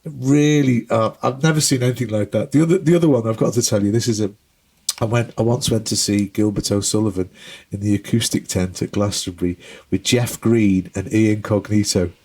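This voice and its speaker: A husky-voiced British man spins comic stories in a relaxed podcast chat. He slips into shouted impressions of hecklers, and his speech is loose, with plenty of ums and restarts. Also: fairly low pitch, a little fast. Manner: animated storyteller who mimics hecklers. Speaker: comedian guest. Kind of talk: casual chat, telling anecdotes.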